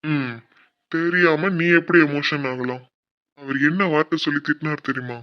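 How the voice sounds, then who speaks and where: A woman's voice: low voice, moderate pace, highs cut off, natural voice. A woman voicing a level-headed young male college friend who reasons and soothes. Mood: earnest.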